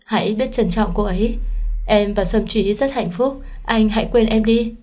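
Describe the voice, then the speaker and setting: A woman's voice: mid-range voice, normal speed, darkish tone, natural voice. A woman voicing a heartbroken young woman who speaks tearfully, in a storybook reading. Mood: sad. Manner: tearful, pleading.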